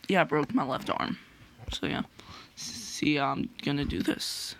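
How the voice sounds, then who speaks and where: Young guy chatting slow over a game, chewing gum, kinda high voice. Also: creaky, a bit bright. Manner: slow, rambling, chewing gum while talking. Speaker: gaming video creator. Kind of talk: casual gameplay commentary.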